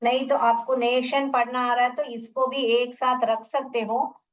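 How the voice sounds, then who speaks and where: A woman teaches a phonics lesson, breaking words into sounds one piece at a time. She speaks very slowly in a fairly high voice. The recording is muffled and she sounds far from the mic. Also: little pitch movement. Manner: mixes Hindi with English teaching phrases.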